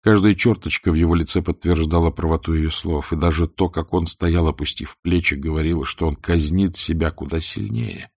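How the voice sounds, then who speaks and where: A man narrating an audiobook in a measured, expressive way, with a husky, gravelly voice. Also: low voice, dry recording, studio quality.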